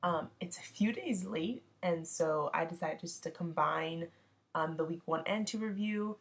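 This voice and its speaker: A woman's voice: sits low, a little slow, vocal fry, fairly bright tone. A young woman under the weather with a nasal voice, chatting casually through her budget with frequent ums and self-corrections. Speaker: budgeting vlogger. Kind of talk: casual screen-share walkthrough.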